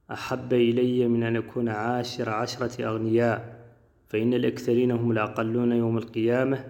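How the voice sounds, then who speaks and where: A man preaching in formal standard Arabic, reciting religious sayings in a measured, formal way as part of a lecture. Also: mid-range voice. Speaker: preacher presenting a lecture series.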